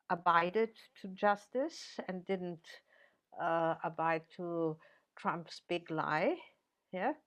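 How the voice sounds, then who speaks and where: An older woman professor answering interview questions in a measured way, with frequent fillers and restarts. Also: medium pitch.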